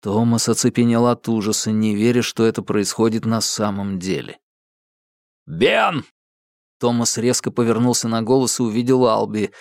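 A man reading an audiobook in a measured, dramatic storytelling manner. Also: on the low side, level tone, darkish tone, no echo, clean studio sound. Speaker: narrator. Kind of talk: audiobook narration.

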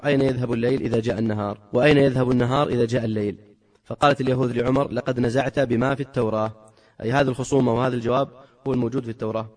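Man reading religious text super quick, middle pitch, stops to explain stuff with emphasis. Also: darkish tone. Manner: reads quoted narrations briskly, then comments with emphasis. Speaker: religious teacher.

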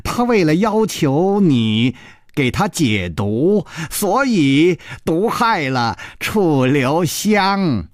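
A calm, clever male hero from a radio story, wry and bantering, his lively pitch lifting a little above the teller's own voice, as a male storyteller plays him. The delivery is unhurried, heard close and dry. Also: no room sound, heavily acted.

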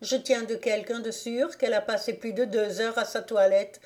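A woman putting on a shrill, spiteful village spinster. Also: steady tone, normal speed, natural voice. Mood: scornful. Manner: sneering, indignant, loud.

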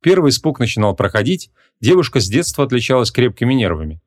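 A man narrating a humorous fantasy audiobook in an expressive, lively storytelling manner. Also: mid-range voice, fast. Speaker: audiobook reader. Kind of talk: scripted narration.

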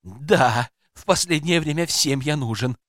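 A man's voice: fairly high pitch, measured pace, a bit bright, dry recording, clean studio sound. A man reading aloud and voicing a hostile, paranoid gray-haired developer who snarls and barks at intruders. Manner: snarling, barking orders.

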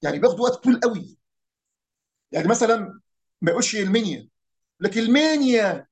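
A man's voice: sits high, animated, quick pace. A man with an Egyptian accent casually explaining regional dialects, asking rhetorical questions and imitating local pronunciations. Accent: Egyptian Arabic. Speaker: speaker on Arabic dialects and folk heritage.

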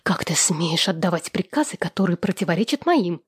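A woman's voice: sing-song, a little fast, breathy edge, dry recording, clean studio sound, heavily acted. A woman reading an audiobook, voicing a spiteful, haughty young woman who hisses and sneers. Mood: hissing contempt. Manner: shrill, sneering and shouting.

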